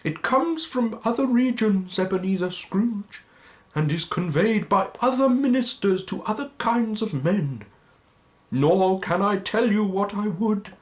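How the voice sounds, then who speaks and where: Jacob Marley, a wailing chained ghost. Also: male voice, expressive. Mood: anguished. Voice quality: high, quavering, drawn-out wail.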